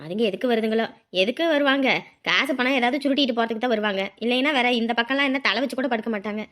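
Actress as a griping housewife, quick high bright voice, gossipy. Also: female voice, close to an everyday voice. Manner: rapid gossipy complaining. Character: village housewife griping about her in-laws. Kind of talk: comedy sketch acting.

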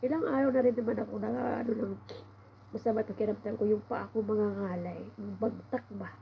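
Woman vlogger, stuffed-up voice, rough and low-toned, rambling and sighing through a home story. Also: steady tone, fairly quick, warm tone, a little hiss or hum, poor audio. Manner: meandering, with frequent sighs of complaint. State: congested, voice roughened by a cold.

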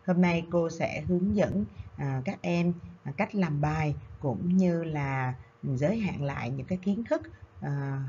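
A woman's voice: sits low, dark tone, lo-fi sound, a little hiss or hum. A woman teacher from Vietnam giving a recorded revision lesson, explaining step by step with frequent hesitation fillers. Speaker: secondary school English teacher.

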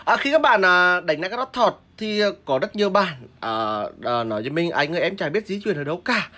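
A woman's voice: fairly low pitch, lively intonation, fairly quick, sharp tone. A woman giving live gameplay commentary, explaining her strategy and crying out and repeating words during fights. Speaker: gameplay streamer.

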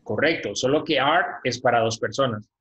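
A man teaching an English class in Spanish, patiently repeating words slowly for pronunciation over a video call. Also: mid-range voice, fairly bright tone. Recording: dull lo-fi video-call audio.

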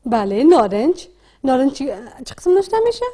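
A woman with a Dari accent teaching a literacy lesson, asking questions and answering them herself in a slow, deliberate way. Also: sits high, sing-song, mellow. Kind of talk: classroom lesson.

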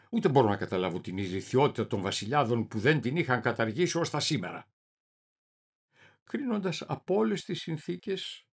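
A man performing a theatrical reading as a deluded, paranoid middle-aged clerk, swinging wildly between shouting and muttering. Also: medium pitch, creaky, slightly rough, full character voice. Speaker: reader of a dramatic monologue.

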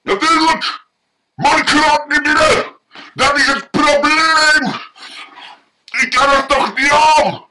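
A man voicing an angry drunk man who yells and swears over and over. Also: very high-pitched, takes it slowly, pauses often, a little hiss or hum, voice pushed up, full character voice, poor audio. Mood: angry shouting. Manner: yelling, swearing, repeating himself. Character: furious drunk man locked out, shouting.

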